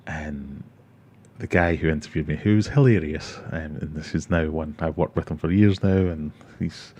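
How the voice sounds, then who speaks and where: Very deep, slightly rough and a little mellow, this forty-something Glaswegian's voice moves at normal speed. He's from Scotland and runs a casual livestream, chatting with viewers, going through comments and sharing stories at his own expense.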